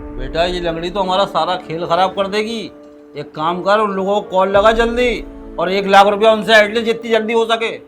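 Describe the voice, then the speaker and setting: A man's voice: sits high, fairly even intonation, normal speed, a bit bright. An actor playing a greedy father of the bride who makes threatening demands, over background music. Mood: scheming. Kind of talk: web-series family drama acting.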